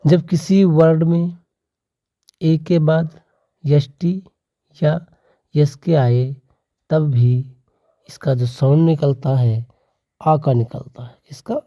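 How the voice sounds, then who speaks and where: A teacher giving a slow spoken pronunciation lesson, reading out word lists one word at a time and addressing viewers as companions. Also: mid-range voice, steady tone, dark tone, no echo.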